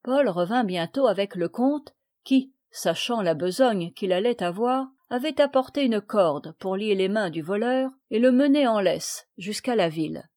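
A woman narrating a classic children's novel in a calm, measured reading voice. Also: mid-range voice. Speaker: audiobook reader.

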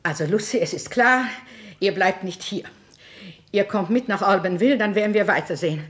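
A woman's voice: mid-range voice, lively intonation, normal speed, husky. An actress playing a tired older mother in a radio play, fussy about order and time. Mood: fussy, anxious. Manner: fussy, precise, then drowsy. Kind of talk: 1950s German radio play acting.

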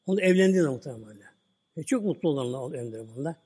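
Husky-voiced preacher in a reverberant hall. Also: male voice, on the high side, rapid-fire. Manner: relaxed retelling, "böyle" at line ends. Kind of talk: religious talk with storytelling.

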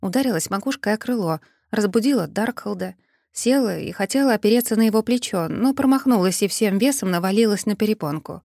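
A woman narrating a first-person fantasy audiobook in a measured, expressive manner. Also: mid-range voice, gravelly, dry recording, clean studio sound.

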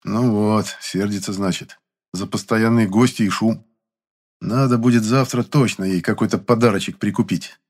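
A man narrating a first-person audiobook in an even, dry storytelling manner. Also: on the low side, moderate pace.

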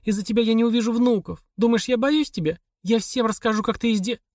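A man raising his voice high to play a worn-down, bitter wife who speaks in a hoarse, rustling half-whisper. She pleads and accuses through the strain, pitched well above a man's usual talk, and the dry recording keeps the voice close. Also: quick pace, darkish tone, no room sound. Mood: accusing. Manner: pleading then hissing with hatred.

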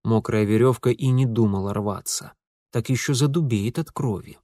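Guy reading an audiobook, steady even pace, middle pitch, dry close sound. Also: normal speed, no room sound. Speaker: audiobook narrator. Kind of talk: scripted narration.

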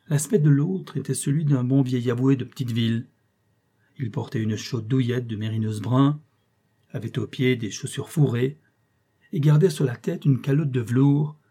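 Male audiobook narrator, measured expressive reading, mellow husky voice. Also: medium pitch.

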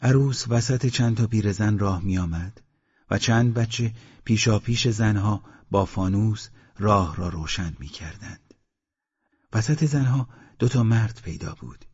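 A man reads a literary story in a calm, measured style, his voice low and husky. The recording is dull and lo-fi. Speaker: audiobook narrator. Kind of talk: scripted literary narration.

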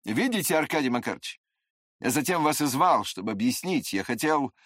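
A reader voicing a feverish, muddled nobleman in an audiobook, speaking in halting, rambling phrases. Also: medium pitch, expressive, fairly bright tone, no room sound, studio quality.

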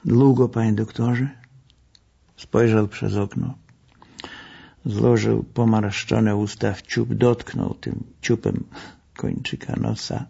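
An older man reading his memoir aloud, wry and unhurried in his storytelling. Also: fairly low pitch, level tone, warm tone. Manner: wry, slow, gravelly storytelling. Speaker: memoir narrator. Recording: dull lo-fi recording.

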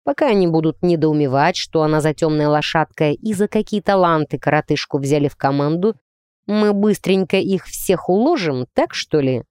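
A woman voicing a gruff, scornful young male team captain in an audiobook, curt and sneering. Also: low voice, expressive, normal speed, darkish tone, no room sound, studio quality.

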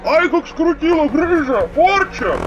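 A woman voicing a distraught peasant man who shouts drawn-out, wailing complaints. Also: sits high, sing-song, lo-fi sound, pitched above the performer's own voice. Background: loud background music.

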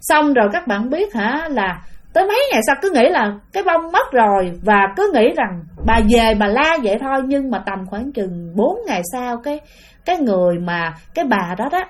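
A woman with a high voice and a Southern Vietnamese accent tells a spooky tale. She speaks in a chatty way and keeps turning to her listeners. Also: big pitch swings, moderate pace. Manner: chatty, addresses listeners directly. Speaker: storyteller. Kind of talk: spoken ghost storytelling.

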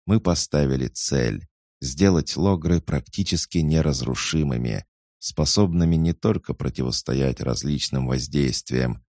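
A man's voice: rumbling low, gravelly, dry recording, clean studio sound, full character voice. A man reading an ancient unruffled alien sage. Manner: calm, unhurried, measured. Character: ancient calm male alien mind. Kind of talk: audiobook character reading.

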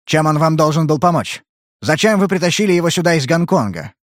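A man's voice: fairly high pitch, expressive, fairly quick, no room sound, voice pushed up, close to an everyday voice. A hard-bitten detective snaps out curt, blunt lines, as a man reads his part. His tone jumps widely as his temper rises. The sound is close and dry. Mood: brusque. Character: gruff, irritable hard-bitten male detective. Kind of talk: audiobook character reading.

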